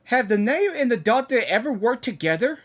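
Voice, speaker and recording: A woman reacting to a game, murmuring along and breaking into sudden excited outbursts. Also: fairly high pitch, a little fast. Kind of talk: live reaction commentary.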